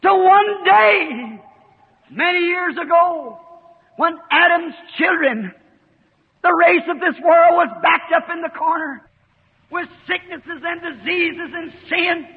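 A man preaching a fiery sermon, emphatic and bursting into shouts, on an old tinny archive recording in a reverberant hall. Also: very high-pitched, takes it slowly.

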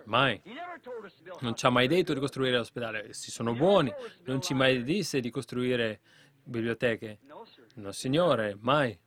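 A man's voice: medium pitch, unhurried. Fervent man preaching a sermon. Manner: fervent, builds to loud exhortations.

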